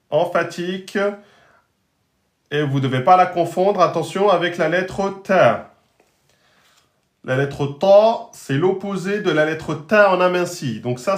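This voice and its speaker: A man teaching an online lesson on Arabic letters, patiently repeating and drilling each pronunciation. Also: fairly high pitch. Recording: roomy echo.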